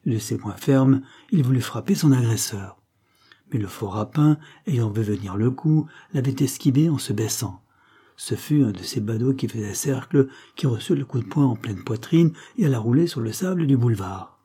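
A man narrating a novel in a measured, steady audiobook reading. His voice is dark and mellow with a husky edge, at a middle pitch.

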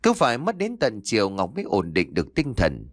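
A man narrating an audio story in a dramatic, expressive storytelling manner. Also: on the low side, a little fast, no echo, clean studio sound. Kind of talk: scripted narration.

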